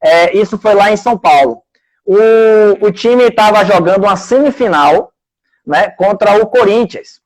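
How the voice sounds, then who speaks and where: High-voiced Brazilian coach telling stories. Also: male voice, measured pace, darkish tone, poor audio. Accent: Brazilian Portuguese. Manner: earnest, conversational, acts out quoted speech. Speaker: sports coach. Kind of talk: live interview, telling anecdotes.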